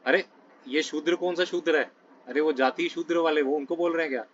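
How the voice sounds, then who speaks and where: A man's voice: on the high side, fairly even intonation, brisk. A man explaining scripture to a study group in a conversational way, often checking in with listeners between phrases. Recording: dull lo-fi sound with faint noise.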